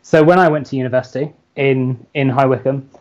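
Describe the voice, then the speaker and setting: A young man from London with a London accent, a comics writer chatting as a guest, hesitant and laid-back with many pauses. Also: medium pitch, steady tone, lo-fi sound, a crowd in the background. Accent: London English. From London, England. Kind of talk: casual chat.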